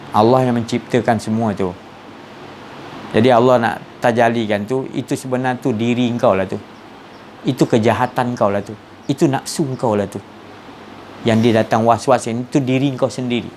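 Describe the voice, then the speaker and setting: A man giving an informal religious talk, telling stories with lively sound effects. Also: mid-range voice, a little hiss or hum. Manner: animated storytelling with sound effects. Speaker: religious teacher.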